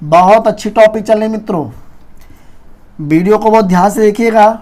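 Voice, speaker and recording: A man teaching an online exam-prep Hindi lesson, talking very fast and loudly and often calling the viewers his friends. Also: sits high. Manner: fast, rapid-fire delivery; loud, near-shouting teaching.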